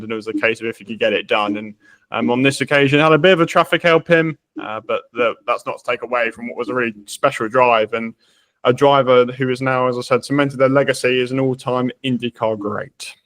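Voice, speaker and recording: A man's voice: medium pitch, fairly bright tone, no echo. Chatty male podcast co-host, dry sound. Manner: chatty, laughs at own slips. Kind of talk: casual podcast commentary.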